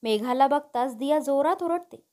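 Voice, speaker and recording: A woman narrating a family story in a steady, expressive reading. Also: high-pitched, normal speed.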